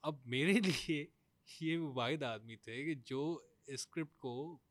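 A man's voice: on the high side, a bit bright, no echo. A man, a scriptwriter guest who talks hesitantly and often restarts his phrases. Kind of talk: casual studio conversation.

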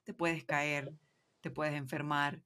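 This young adult woman has a Venezuelan accent and a low, fairly bright voice with a flat delivery and a slow pace. She is an entrepreneur appearing as a business guest on a podcast interview, chatting casually, sprinkling English words into her Spanish and checking in with "¿sí me explico?"

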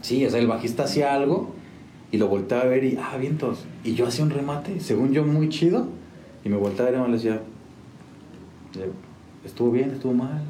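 A man's voice: medium pitch, fast, warm tone. A man, a musician telling stories casually, rambling with many restarts and fillers. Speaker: musician guest. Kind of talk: casual storytelling. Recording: echoey room with faint noise.

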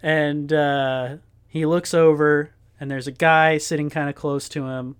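A man's voice: on the high side, little pitch movement, measured pace, clean tone. Rambling male podcast co-host. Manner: rambling scene-by-scene retelling with fillers. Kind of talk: casual movie-recap chat.

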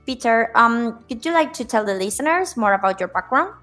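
A woman hosting a finance podcast, introducing her guest and asking questions in a formal, slightly halting way, often repeating words. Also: fairly high pitch, lively intonation, fairly bright tone, soft background music. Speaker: podcast host.

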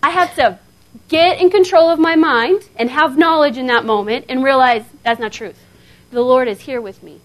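Woman, 30s, high voice, casual animated seminar preacher. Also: moderate pace. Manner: animated, conversational, frequent "okay?" checks. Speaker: seminar speaker. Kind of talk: sermon-style talk. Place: seminar hall before an audience.

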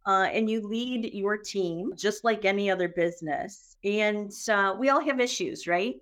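A woman hosting an interview, affirming her guest and posing questions in a lively way. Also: mid-range voice, a little slow.

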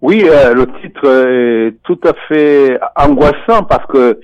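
A man commenting on finance and economics over a telephone line on a radio show, speaking in a measured, deliberate way with frequent hesitations. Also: medium pitch, no echo. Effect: voice heard over a telephone line. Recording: muffled phone line, dry.

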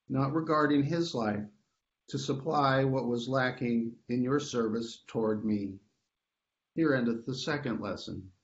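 Man reading scripture, slightly muffled recording. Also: medium pitch. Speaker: scripture reader. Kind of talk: formal scripture reading in a church service. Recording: dull lo-fi sound.

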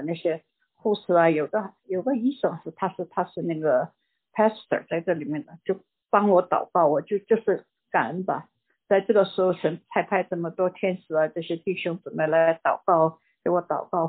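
An older woman giving a personal church testimony in a halting way, repeating words and dropping in English words. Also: fairly low pitch, gravelly, husky. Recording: tinny phone-like recording.

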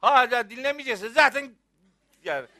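Very high-voiced, forceful preacher man. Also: lively intonation, normal speed, no echo. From Rize, Turkey. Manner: scolding rhetorical questions, teasing humor. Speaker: Quran teacher. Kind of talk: religious lecture.

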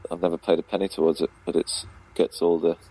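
A man's voice: low voice, level tone, fast talker, warm tone, breathy edge, rough recording. A man, a comedy club promoter and compere, chatting as a guest on radio in a rambling way, laughing often and filling with ums. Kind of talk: casual radio chat. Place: radio studio.

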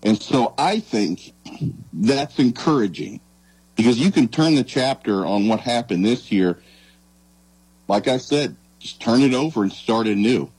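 A man talking casually on a sports show in an earnest, halting, reflective way. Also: medium pitch, lively intonation, a little mellow, breathy edge, no room sound, low-quality recording.

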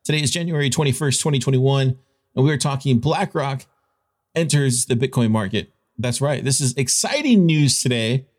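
A man's voice: medium pitch, lively intonation, normal speed. A man opening a news show as host, with a ringmaster-like showman's welcome that grandly hails the audience.

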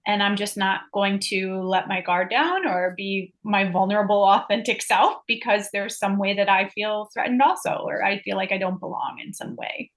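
A woman's voice: medium pitch, moderate pace, few pauses, a bit bright. Reflective woman guest thinking aloud. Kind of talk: conversational podcast interview.

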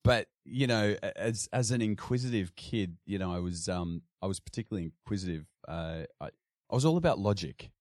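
An Australian man with a very low, deep voice talks casually as an interview guest. He hesitates often, restarting his sentences. The sound is close and dry. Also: expressive, brisk, a little mellow, dry recording. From Sydney, Australia. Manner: hesitant, many restarts and fillers, frequent laughs. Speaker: podcast guest.

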